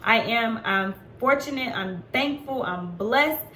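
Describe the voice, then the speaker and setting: A woman in her forties vlogs to camera in an expressive, slightly high voice, slow and sharp in tone. She is chatty and unfiltered, saying um often. The recording has room echo and faint background noise.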